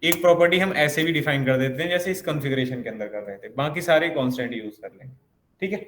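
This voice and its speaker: A man's voice: mid-range voice, fast talker, fairly bright tone. A man teaching a programming lesson, explaining step by step and asking himself questions as he goes. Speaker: programming instructor. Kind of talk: coding lesson. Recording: echoey room with faint noise.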